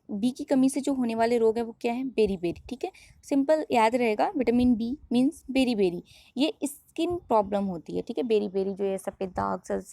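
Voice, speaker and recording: Lady teaching bio, quizzes herself, highish voice, dry close sound. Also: dark tone, no echo. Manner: repeats questions and answers them herself, drills terms. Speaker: biology teacher. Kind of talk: online lesson.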